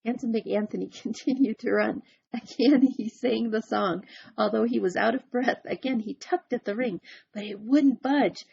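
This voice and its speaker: A woman's voice: fairly high pitch, normal speed, creaky, warm tone, slightly rough, highs cut off. A woman reading a picture book aloud in a playful way, with chatty asides to the listener. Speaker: storyteller.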